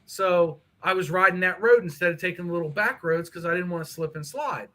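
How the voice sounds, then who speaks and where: A man casually telling a profane, animated story on a live stream chat, mimicking the people in it. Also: high-pitched, brisk, rough recording. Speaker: co-host.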